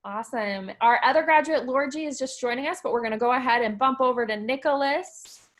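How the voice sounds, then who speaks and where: A woman with a high-pitched voice hosts an online alumni panel over video call at a brisk pace. Upbeat, enthusiastic and encouraging, she introduces the guests.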